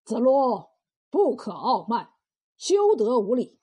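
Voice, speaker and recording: A woman's voice: on the high side, expressive, moderate pace, dark tone, husky. Woman voicing an earnest old sage. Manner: polite, earnest questioning. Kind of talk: storytelling role voice.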